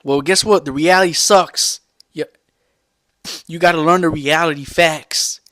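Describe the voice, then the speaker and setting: Speaking a little slowly with fairly even intonation, a man with a slightly high, sharp-toned voice delivers an unscripted vlog rant to camera. He rambles and repeats himself, using profanity to drive his points home, and the studio-quality recording has no room sound.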